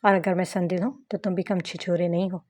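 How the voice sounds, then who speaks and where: A woman voicing a sharp-tongued, haughty young bride with a sarcastic manner. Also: fairly low pitch, flat delivery, fairly quick, natural voice.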